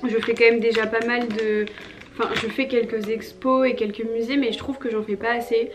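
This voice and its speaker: A woman's voice: on the high side, little pitch movement, brisk. A young woman in her twenties from France, chatting casually to camera in a vlog at home, with many hesitations and fillers. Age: 20s. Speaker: vlogger. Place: indoors at home. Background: background music.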